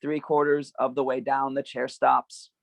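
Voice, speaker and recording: Reading the directions of a screenplay at a table read, a man speaks a little slowly with little pitch movement. His voice is gravelly and creaky, middle in pitch, captured dry and close without echo.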